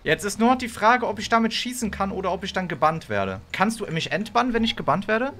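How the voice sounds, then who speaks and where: Excitable young man in gaming chat. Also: sits high, quick pace, slight background noise. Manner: excitable and pushy, swears freely. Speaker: gaming streamer. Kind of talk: casual gaming chat with voice chat players.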